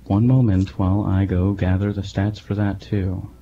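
A man running a tabletop game as game master, hesitant and full of fillers, apologizing for being slow. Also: low voice, level tone, mellow, husky, far from the mic. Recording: dull lo-fi mic with faint hum.

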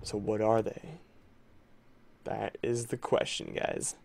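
A man playing a horror game on his channel, murmuring slowly to his viewers and breaking into startled exclamations. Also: on the low side, fairly even intonation, vocal fry, a little mellow, a little hiss or hum. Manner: exclaiming, easily spooked. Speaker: gaming YouTuber. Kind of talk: let's play commentary.

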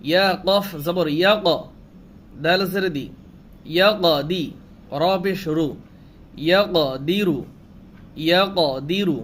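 Male Quran reading teacher, Bangladeshi Bengali accent, drawn-out syllable drills, repeats each reading, faint background noise. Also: high-pitched, fairly even intonation, fairly bright tone. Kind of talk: slow spelling-out recitation lesson.

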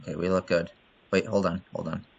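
A man's voice: low voice, flat delivery, fairly quick, gravelly, highs cut off, slight background noise. A man hosting a casual let's-play of his game, talking in a playful, joking way with frequent self-amused asides. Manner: playful, jokey, sings and laughs at himself. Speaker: gaming channel host. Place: indoors at home by a window.

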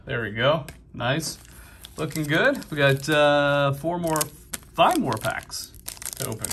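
A man's voice: a little high, lively intonation, slow, a bit bright, a little hiss or hum. A middle-aged man with a New England accent, casually chatting while opening trading card packs, full of fillers and upbeat remarks. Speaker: card collecting vlogger. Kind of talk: casual pack-opening commentary. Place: busy convention hall.

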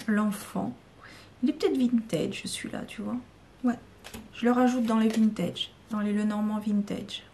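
A woman's voice: medium pitch, dark tone, slight background noise. A woman with a French accent talking casually and unscripted to her viewers, rambling with many fillers and sometimes dropping to a near-whisper. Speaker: YouTuber showing card decks. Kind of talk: unscripted casual talk to camera.

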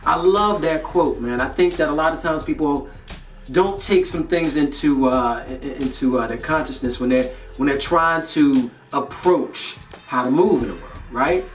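Music plays behind a distant, echoey mic as an American man in his thirties, originally from North Carolina, United States, speaks to camera with animation at a moderate pace in a slightly high voice. As host of a motivational video series, he's casual, emphatic, and slangy, standing in an indoor studio before a plain grey backdrop.

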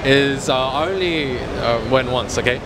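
A man's voice: medium pitch, normal speed, a crowd in the background. A young man chatting casually on a night street, explaining things with many fillers into a handheld mic. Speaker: interviewee. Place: city street at night, outdoors. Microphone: handheld mic held by interviewer. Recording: noisy street with passers-by.

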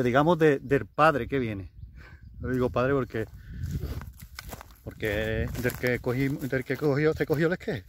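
Walking downhill over stones through rural fields, a Spaniard rambles chattily into a handheld camera on a selfie stick for his casual walking vlog. He speaks in a mid-range voice, corrects himself often and swears mildly, with a little hiss or hum on the recording.

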